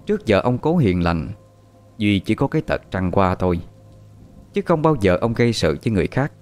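A man narrating a story in a calm, measured scripted reading. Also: lowish voice, faint music behind.

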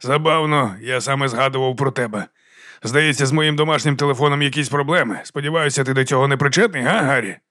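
A man doing a soft-spoken taunting killer. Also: mid-range voice, fast talker, no room sound, studio quality, close to an everyday voice. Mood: quietly taunting. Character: calm menacing male killer on phone.

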